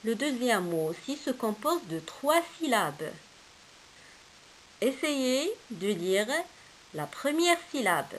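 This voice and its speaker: Patient woman teacher, higher voice, spells out sounds slowly for young children. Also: big pitch swings, a little hiss or hum, poor audio. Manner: patient, encouraging, sounds out each syllable. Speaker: kindergarten teacher. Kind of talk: slow syllable-by-syllable reading lesson.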